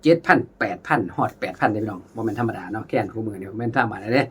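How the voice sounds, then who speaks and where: A man's voice: on the low side, very fast. Chatty Isan-accented man teaching khaen. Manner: chatty, addresses viewers as brothers and sisters; vocalizes melodies with syllables. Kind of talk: casual spoken lesson.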